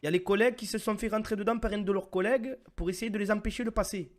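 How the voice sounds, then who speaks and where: A man playing a police officer in a game roleplay, explaining with halting restarts. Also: sits high, fairly even intonation.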